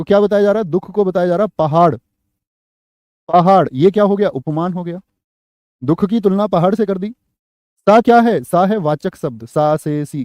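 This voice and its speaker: A man's voice: high voice, warm tone, no room sound, studio quality. A young man teaching a Hindi grammar class for exam students, quizzing them with repeated questions and calling them brother and friend. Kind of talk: online exam-prep class lecture.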